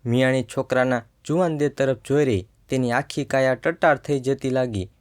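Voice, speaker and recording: A man's voice: medium pitch, steady tone, moderate pace. A man narrating a first-person story in a tense, suspenseful way.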